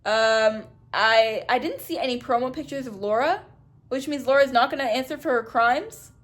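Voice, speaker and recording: A young woman talking casually for her video review, animated and blunt, swearing freely as she gossips. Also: a little high, moderate pace. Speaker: YouTuber reviewing a reality show. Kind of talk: casual chat.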